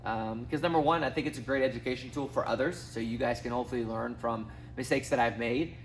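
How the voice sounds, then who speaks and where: In a fast, mid-range voice, a man in his thirties from Southwest Missouri rambles to camera for his finance channel. The casual vlog is full of ums and restarts.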